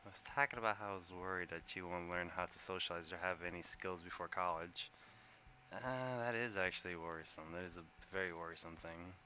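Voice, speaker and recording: A man casually commenting while streaming a game, talking in a quiet, monotone, deadpan way. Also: low-pitched, brisk, slight background noise.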